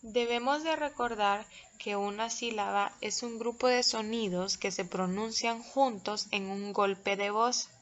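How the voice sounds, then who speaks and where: A woman teacher giving a recorded lesson, slowly and carefully breaking words into syllables. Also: mid-range voice, a bit bright. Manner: slow, careful, spells out syllables.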